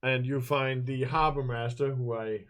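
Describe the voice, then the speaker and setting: A man runs a tabletop role-playing game as game master at a mid pitch. He rambles and jokes, using a lot of fillers. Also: fairly even intonation, normal speed, fairly bright tone. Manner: rambling, joking, many fillers.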